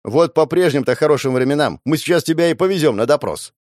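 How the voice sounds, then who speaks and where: A gruff, blunt militia officer, read by a male narrator in an audiobook. He barks loudly, then drops to dry, scornful mutters, his pitch moving a lot. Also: lively intonation, quick pace, dry recording, lightly acted. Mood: bullying. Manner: shouting at the old woman, muttering asides. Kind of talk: audiobook reading.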